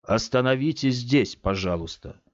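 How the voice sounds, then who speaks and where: A man's voice: mid-range voice, expressive, normal speed, no room sound, lightly acted. Male narrator doing a frightened passenger with a boyish edge, tense and pleading, dry muffled audiobook sound. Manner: tense, pleading, then angry. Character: frightened adult man who sounds like a boy. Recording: dull, dry recording.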